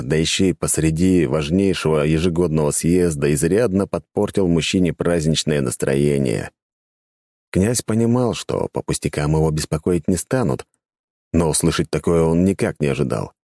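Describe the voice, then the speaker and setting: A man calmly narrating a fantasy audiobook. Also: very deep voice, normal speed, dry recording, clean studio sound. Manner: calm, even storytelling.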